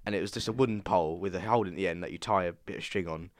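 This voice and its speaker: A man's voice: deep voice, rapid-fire. A man from England hosting a music podcast, chatting loosely and rambling, often laughing. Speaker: podcast host. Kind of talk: casual chat.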